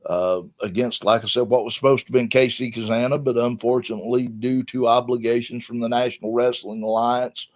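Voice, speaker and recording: On dull, lo-fi podcast audio, a Southern US host chats through wrestling match recaps in a folksy, colloquial style. He speaks fairly quickly with few pauses, in a medium-pitched, steady, darkish tone.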